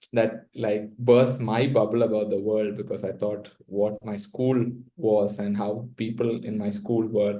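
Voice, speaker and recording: A young man with a South Indian accent, telling his own story in a reflective, casual way with hesitant pauses mid-sentence. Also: fairly low pitch, mellow. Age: young adult. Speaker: interview guest.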